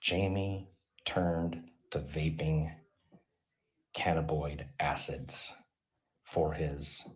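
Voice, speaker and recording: A man hosting his channel, telling a rambling comic story off the cuff with a deadpan, absurd humor. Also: rumbling low, very slow, long pauses. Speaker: channel host.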